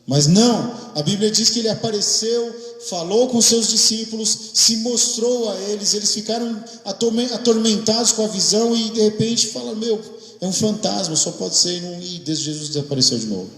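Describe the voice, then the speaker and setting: Brazilian male pastor, high voice, lively chatty preaching style, roomy echoing church sound. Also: brisk, hardly any pauses. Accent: Brazilian Portuguese. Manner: casual, animated, often asks the congregation "amém?". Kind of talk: devotional sermon with acted quotes. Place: church hall. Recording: echoey hall with long reverb.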